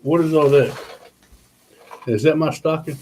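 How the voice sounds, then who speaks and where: A man's voice: fairly high pitch, unhurried, a little mellow, a little hiss or hum. A tired man, chatting casually with viewers on a live stream, rambling with lots of fillers. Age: 30s. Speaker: channel host.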